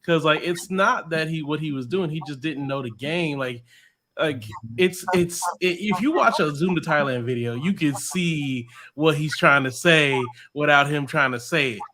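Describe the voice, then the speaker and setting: A man's voice: on the high side, moderate pace, pushed and bright, a little hiss or hum. A man, co-hosting a podcast in loose, rambling casual commentary full of restarts. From United States. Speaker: podcast co-host.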